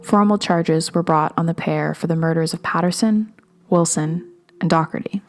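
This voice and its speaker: A woman podcast host narrating a true-crime story in a measured, steady way. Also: sits low, faint music behind.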